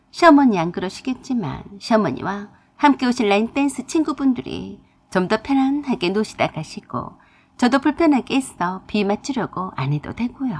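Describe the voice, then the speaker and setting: A woman narrates a first-person family story in a confiding, emotional way. Her voice is husky, with a wide, lively pitch range.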